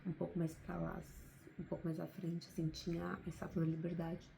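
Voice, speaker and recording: A woman's voice: lowish voice, completely flat delivery, brisk, vocal fry, mellow, slight background noise, poor audio. A woman with a Brazilian Portuguese accent, talking to camera in an unscripted, heartfelt motivational vlog, often adding little tag questions. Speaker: vlogger.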